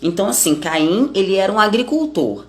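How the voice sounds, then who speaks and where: A woman's voice: mid-range voice, big pitch swings, a little fast. A middle-aged woman giving an informal Bible lesson in a conversational way, with family examples. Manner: conversational, many tag questions, explains with family examples. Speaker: Bible study teacher.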